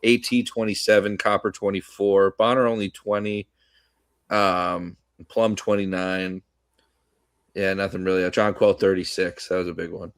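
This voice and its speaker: A man co-hosting a sports podcast, rambling in casual chat with lots of restarts and fillers, slightly hoarse from coughing. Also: low voice, fairly even intonation, moderate pace, no echo, clean studio sound. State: coughing today. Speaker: podcast co-host.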